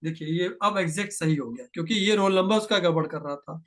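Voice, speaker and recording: In a screen-share tutorial on programming, a man walks through each step patiently, slows to dictate code and mixes in terms. His voice is fairly high and a bit bright.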